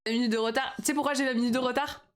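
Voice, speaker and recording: A woman's voice: sits high, steady tone, very fast. A young woman streaming, chatting casually with her viewers in a bubbly, rambling way and laughing often.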